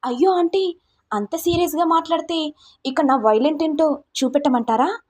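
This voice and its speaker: A woman's voice: high-pitched, pitched above the performer's own voice, natural voice. A woman voicing a smug young male blackmailer, speaking in a taunting, mocking tone while retelling a serial. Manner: taunting, drawn-out mock politeness. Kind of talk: storytelling recap of a serial.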